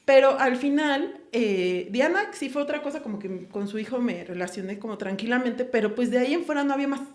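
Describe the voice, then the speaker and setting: A woman's voice: fairly high pitch, animated, fairly quick. A young woman with a Mexican Spanish accent, talking candidly and personally as a podcast host, quoting her own thoughts with many fillers. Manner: candid, confessional, lots of fillers and quoted inner speech. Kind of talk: casual conversation. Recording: echoey room.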